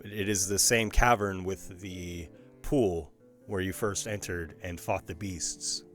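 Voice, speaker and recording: Lower-voiced man narrating as game master. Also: steady tone, takes it slowly, a bit bright, faint music behind. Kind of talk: narrating a tabletop fantasy game.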